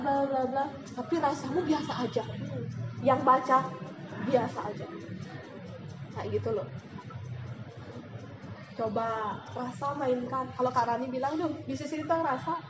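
High-voiced woman giving a lively sales talk. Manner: lively, animated, acts out examples. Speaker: sales team leader. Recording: echoey room, dull lo-fi, noisy.

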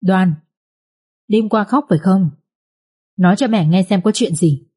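A woman voicing a frightened, fretful middle-aged village mother who wails and frets, in a husky voice. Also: medium pitch, unhurried, dark tone. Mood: worried. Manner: wailing, fretful.

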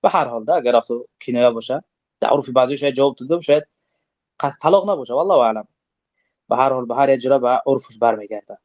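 A man's voice: medium pitch, darkish tone, no echo. A man teaching a religious legal text. He reads short Arabic passages and then explains them in a casual, conversational way with everyday examples. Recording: dull lo-fi dry recording.

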